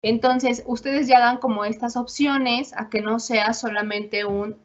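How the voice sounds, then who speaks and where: A woman with a Mexican accent giving a relaxed lecture, talking conversationally and acting out little quoted exchanges. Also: on the high side, unhurried. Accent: Mexican Spanish. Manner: conversational, acts out quoted voices, frequent tag questions. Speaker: university lecturer. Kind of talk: informal lecture. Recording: dull lo-fi audio.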